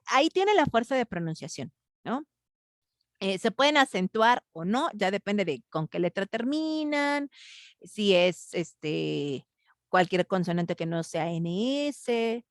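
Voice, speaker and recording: A woman's voice: medium pitch, no echo, studio quality. A woman with a Mexican Spanish accent teaching an online grammar class, patiently questioning students and thinking aloud with fillers.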